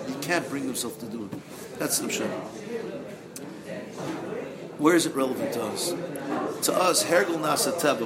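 A man with a Yiddish-inflected American accent gives a Torah lecture as a rabbi, in an animated, repetitive, emphatic sermon style full of rhetorical questions. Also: high-pitched. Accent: Yiddish-inflected American English. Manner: acts out dialogues with exasperated rhetorical questions. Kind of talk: animated sermon to a live audience.

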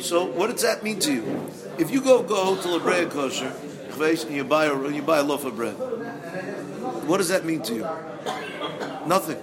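A high-voiced man delivers a rabbinic sermon in American English with a Yiddish inflection. He is animated and emphatic, repeating phrases and posing rhetorical questions. An audience can be heard behind him. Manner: acts out dialogues with exasperated rhetorical questions; emphatic repetition. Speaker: rabbi giving a Torah lecture.

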